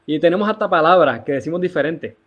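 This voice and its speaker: A man's voice: a little high, lively intonation, fast talker. Puerto Rican man, chatty, dull audio. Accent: Puerto Rican Spanish. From Puerto Rico. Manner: chatty, explaining with examples. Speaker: band member. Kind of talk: casual interview talk.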